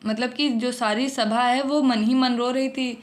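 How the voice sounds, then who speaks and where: A woman teaching a poetry lesson, with a voice pitched a little higher than most. She reads each verse aloud and then restates it in everyday conversational terms for her students. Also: steady tone, a little slow. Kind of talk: explaining a Hindi poem line by line.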